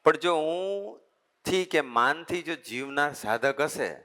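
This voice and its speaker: A man's voice: on the high side, lively intonation, slow pace, sharp tone. A man, a monk giving a conversational sermon, talking in a folksy way and repeating his points as lists. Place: assembly hall. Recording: long hall reverb.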